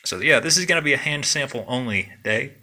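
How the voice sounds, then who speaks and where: Sharp, bright-voiced man in a mine. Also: medium pitch, a little hiss or hum. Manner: relaxed, plain-spoken, halting with fillers. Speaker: mining vlog host. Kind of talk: casual on-site walkthrough. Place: underground mine tunnel.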